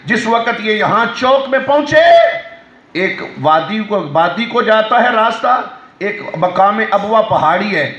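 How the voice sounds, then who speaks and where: Impassioned high-voiced preacher, echoey. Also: male voice, lively intonation. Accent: Pakistani Urdu. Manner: impassioned, swings between soft pleading and loud cries. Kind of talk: emotional Urdu sermon with storytelling. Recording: echoey, dull lo-fi sound.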